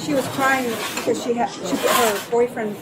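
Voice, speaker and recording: A woman's voice: on the high side, steady tone, moderate pace. A woman working as a server, casually recounting an incident, picked up on a body camera. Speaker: bar server. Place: busy airport interior. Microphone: someone else's body-worn camera. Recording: noisy crowded bodycam audio.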